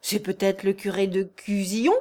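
A woman's voice: mid-range voice, steady tone, moderate pace, a little mellow, close to an everyday voice. Woman reading as an old housekeeper. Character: devoted old housekeeper woman, homely, talkative.

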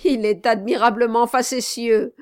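A woman's voice: fairly high pitch, moderate pace, clear, resonant tone, dry recording, studio quality, close to an everyday voice. A woman reading an audiobook, voicing a fawning, obsequious male lawyer. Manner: fawning, flattering.

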